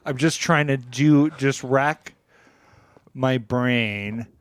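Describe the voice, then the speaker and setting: A man with a mid-range voice co-hosts a comedy podcast, musing haltingly and with mock earnestness about absurd ideas in casual chat.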